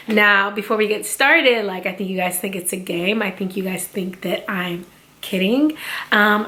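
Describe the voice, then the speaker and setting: A chatty young beauty YouTuber reviews a wig in a casual vlog, using slang and calling her viewers "sis" and "y'all." Her mid-range voice has a fairly bright tone, though she's feeling sick and sounds slightly off.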